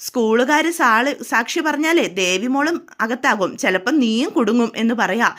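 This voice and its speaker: Brief: woman playing a nervous, cautious father, high-pitched. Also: expressive, moderate pace, fairly bright tone. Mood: worried. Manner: fretful, cautious pleading. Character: worried middle-aged father, anxious and hesitant.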